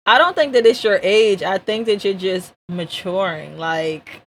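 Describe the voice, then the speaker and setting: A woman's voice: mid-range voice, a little slow. An American woman co-hosting a podcast with casual, playful, slangy banter. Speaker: podcast co-host. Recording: faint background noise.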